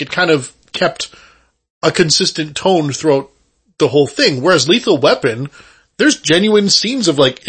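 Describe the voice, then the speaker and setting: A man's voice: a little high, a bit bright, breathy edge. A man co-hosting a podcast in casual chat, talking in a rambling, conversational way. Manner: rambling, conversational, often saying "like". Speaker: podcast co-host.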